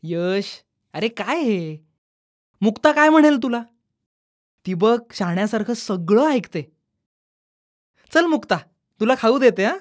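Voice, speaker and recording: A woman's voice: fairly high pitch, animated, measured pace, long pauses. A woman voicing a patient, coaxing young mother in a children's storybook reading. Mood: scolding. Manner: gentle, coaxing.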